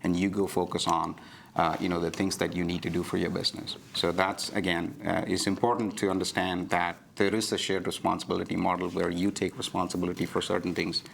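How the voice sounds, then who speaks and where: A man's voice: deep voice, flat delivery, a little fast, creaky, fairly bright tone, slight background noise. A man explaining a technical service model on a livestream, talking fluently with frequent "you know" and "right?" fillers. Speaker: cloud provider guest expert.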